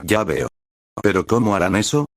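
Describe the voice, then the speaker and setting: Spirited ninja mom in a fan story, read by a man, deep and dry. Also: expressive, normal speed, dry recording, close to an everyday voice. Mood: fond. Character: warm, spirited ninja mother.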